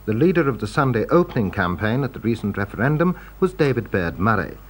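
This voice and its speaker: Lively male documentary narrator. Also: fairly low pitch, fast. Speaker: television reporter narrating. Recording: faint background noise, archive recording.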